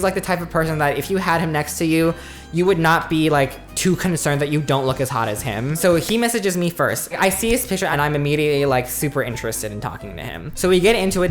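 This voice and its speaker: A man's voice: fairly high pitch, fairly bright tone. A young man from the USA telling a dating story to camera in a casual, chatty way, full of "like" and "you know" and wry self-mocking asides. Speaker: vlogger.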